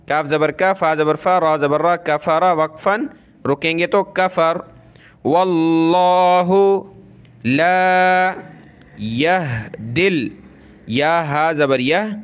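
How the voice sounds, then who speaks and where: A man teaching Quran recitation, spelling out each word letter by letter and vowel by vowel before chanting it slowly. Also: on the high side, fairly bright tone, clear, resonant tone.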